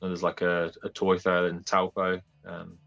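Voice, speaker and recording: A young man with a New Zealand accent chatting casually and haltingly as a laid-back podcast guest. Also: low-pitched, monotone, gravelly, a bit bright, muffled recording, soft background music. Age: young adult. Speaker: podcast guest, toy fair organiser. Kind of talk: casual chat.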